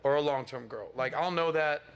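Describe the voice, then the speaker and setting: A man in his forties with a slightly higher voice talks through his view on a casual panel. He sounds relaxed and sure of himself, and drops slang as he goes. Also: brisk, smooth. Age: 40s. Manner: laid-back, confident, talks in slang. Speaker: podcast panel guest.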